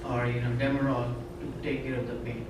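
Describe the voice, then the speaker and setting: A middle-aged Indian man gives a personal testimony talk in a conference hall, an earnest storyteller who often says "you know." He speaks quickly in a medium-pitched monotone. The hall is echoey, he stands far from the mic, and there is background noise.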